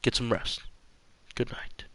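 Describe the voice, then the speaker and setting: A man's voice: takes it slowly, fairly bright tone, no room sound. A man reading a visual novel aloud for a let's-play, stumbling and repeating words as he goes. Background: game music.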